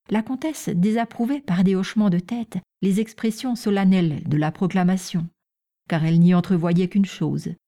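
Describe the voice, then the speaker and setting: Woman reading a novel aloud, calm and steady, mellow lowish voice. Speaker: audiobook narrator. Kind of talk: scripted literary narration.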